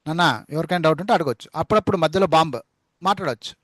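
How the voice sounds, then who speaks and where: A male teacher giving an online class lesson, repeating syllables slowly to drill spelling and fondly calling his students amma and nanna. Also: a little high, a bit bright, no room sound. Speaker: spoken English teacher.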